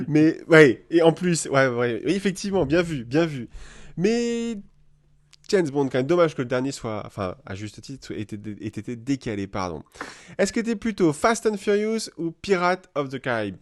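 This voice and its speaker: A man from France hosting a casual live chat, lively and playful, laughing often. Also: medium pitch, moderate pace. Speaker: host. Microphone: live video call.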